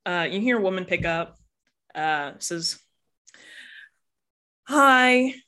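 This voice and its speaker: A woman's voice: lowish voice, unhurried, fairly bright tone. A woman narrating a tabletop game as game master, hesitant with many fillers.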